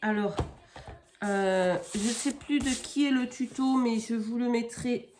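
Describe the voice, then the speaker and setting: Chatty, unhurried woman crafting vlogger. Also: a little high, a little mellow, a little hiss or hum. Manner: rambling, self-correcting, many fillers. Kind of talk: casual haul vlog.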